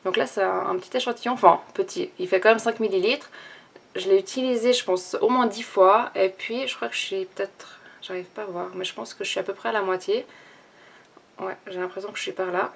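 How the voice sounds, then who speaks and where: A young woman talking casually through a makeup tutorial and review, thinking aloud with many pauses and restarts. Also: mid-range voice, fairly even intonation, gravelly. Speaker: beauty vlogger.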